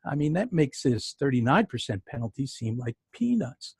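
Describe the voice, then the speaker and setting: A man with a New York accent gives a webinar presentation, his voice a little husky and his pitch sitting in the middle of the usual range. He talks loosely and conversationally, with plenty of ums and dry jokes, over a close, dead sound. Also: big pitch swings, normal speed, a little mellow, no room sound. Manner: conversational, filler-heavy, wry jokes. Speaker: sales tax consultant presenting a webinar.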